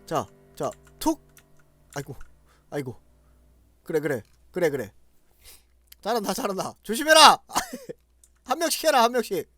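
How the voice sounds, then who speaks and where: Loud hyped guy yelling through a co-op game, voice jumps all over, faint music behind. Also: sits high, a little slow, pauses often, dry recording. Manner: loud, excitable, shouting and laughing often; talks to viewers directly. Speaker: game streamer. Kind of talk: gameplay commentary.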